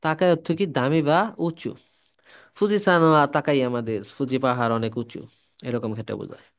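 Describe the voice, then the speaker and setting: A man's voice: mid-range voice, fairly even intonation, clear, resonant tone. A man from Bangladesh, teaching a language lesson, repeating words and quizzing the listener. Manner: drills syllables slowly for practice. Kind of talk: classroom-style lesson.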